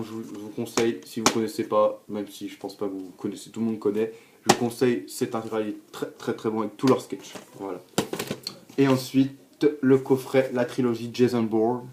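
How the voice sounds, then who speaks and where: A young man casually presenting his DVD collection, rambling with many fillers and repeated words. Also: on the low side. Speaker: collector showing his DVDs. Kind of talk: casual spoken review. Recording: noisy home recording.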